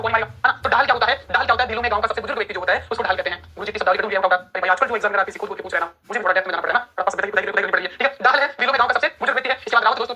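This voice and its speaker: A woman's voice: medium pitch, bright, forceful tone, breathy edge. A woman teacher giving an exam-prep lecture who quizzes her students and repeats key terms. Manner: repetitive, quizzing, addresses students as friends.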